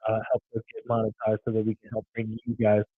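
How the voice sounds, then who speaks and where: A man's voice: on the low side, monotone, fast, slightly rough, no echo. A man co-hosting a live podcast, joking along in casual chat and reading out discussion points. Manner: playful, upbeat when promoting the channel. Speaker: podcast co-host. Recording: tinny phone-like dry sound.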